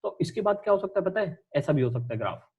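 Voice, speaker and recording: भारत का एक पुरुष शिक्षक, जो परीक्षा की तैयारी के लिए लेक्चर देता है। वह बोलचाल के अंदाज़ में, जोश के साथ पढ़ाता है, ख़ुद से सवाल पूछता है और ख़ुद ही जवाब देता है।. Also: male voice, sits high, breathy edge, phone-quality sound. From India. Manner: lively, conversational, asks and answers his own questions; reads English lines slowly. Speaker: teacher. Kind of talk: exam-prep lecture.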